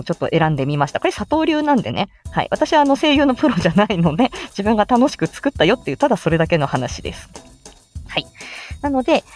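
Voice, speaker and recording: A woman with an androgynous, mid-range voice and a darkish tone chats casually in a live-stream style. She's an amateur voice actor offering tips on how to make voice samples.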